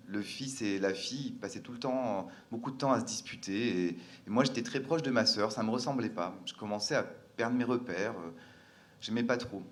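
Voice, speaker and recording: A man from France with a fairly low-pitched voice tells a personal family story. He's earnest and hesitant, with frequent fillers and restarts.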